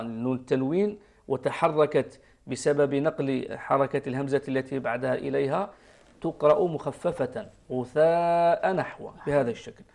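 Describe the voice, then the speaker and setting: A man's voice: mid-range voice, gravelly, a little mellow. A man with an Algerian Arabic accent, a Quran recitation teacher patiently correcting callers' recitations on a live broadcast. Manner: patient, explanatory, demonstrates pronunciation.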